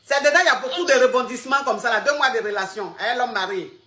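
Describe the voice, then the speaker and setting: A woman's voice: a little high, fast talker, pushed and bright, reverberant. A woman, coaching callers on a live stream in a crude, teasing, repetitive way and often laughing. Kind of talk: livestream advice chat.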